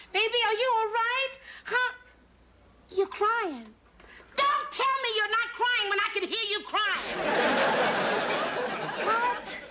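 Nell, an expressive high-voiced motherly woman. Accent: American. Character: Nell, worried loving motherly woman caring for teenage girls. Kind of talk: television sitcom acting before a studio audience. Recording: noisy TV sitcom soundstage.

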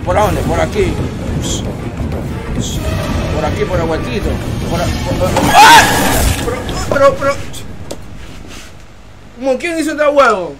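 A man with a high, bright-sounding voice narrates his own gameplay in a loose, excitable way. He shouts, trash-talks the monster and mutters to himself, with loud music playing behind him. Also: slow pace, long pauses. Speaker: gamer host. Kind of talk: let's-play commentary.

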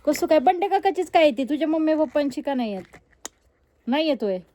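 A woman's voice: high voice, expressive, fast talker, mellow. A young woman, chatting casually in a family vlog and teasing the kids. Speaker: vlogger.

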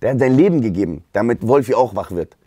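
A man from Germany, telling stories on a livestream in an animated, slang-heavy way. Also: mid-range voice, fast talker, breathy edge, dry recording, clean studio sound. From Speyer area, southwest Germany. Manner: animated, street slang, frequent "Bruder" and "gell". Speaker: streamer and rapper. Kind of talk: casual livestream storytelling.

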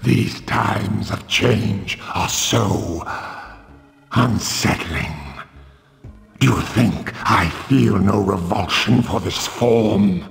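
A male actor voicing a bloated undead vampire monster in a game, a mocking younger brother with a dark, menacing, raspy whisper. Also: fairly low pitch, heavily acted. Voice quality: gravelly, breathy rasp. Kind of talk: video game villain voice acting. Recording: long cavernous reverb over music.

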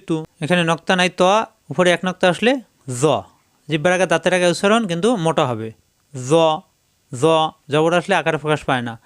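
A man's voice: on the high side, no room sound, studio quality. A man teaching letter sounds, patiently repeating syllables in chanted drills as a reading lesson. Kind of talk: slow drilled recitation lesson.

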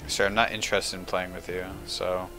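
A man's voice: deep voice, little pitch movement, a little fast. A man giving casual, offhand gameplay commentary with dry humour. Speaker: gaming video host. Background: game music.

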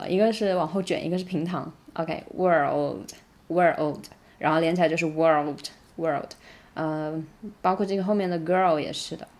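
A woman whose first language is Mandarin Chinese teaches English song pronunciation in a relaxed tutorial. Her voice sits a little low, and she slows down to sound out each lyric word by word. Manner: explains slowly, demonstrating lyrics word by word.

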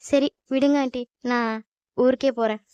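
A woman's voice: high-pitched, fairly even intonation, moderate pace, darkish tone, clear, resonant tone, no echo, highs cut off, lightly acted. A woman voicing a sweet, sulky young woman in a cartoon, speaking in a pouty way. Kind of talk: animated cartoon dub.

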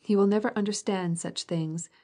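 A woman's voice: mid-range voice, steady tone, normal speed, dark tone, lightly acted. A woman reading aloud and voicing an earnest, lovestruck girl who takes offense easily. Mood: offended.

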